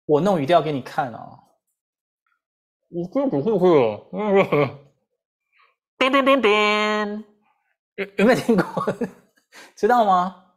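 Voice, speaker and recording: A woman lecturing with a Taiwanese Mandarin accent, her voice sitting a little low. She teaches with animated energy, firing rhetorical questions and drilling phrases over and over. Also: unhurried, pauses often. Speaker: English teacher. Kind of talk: lively lecture.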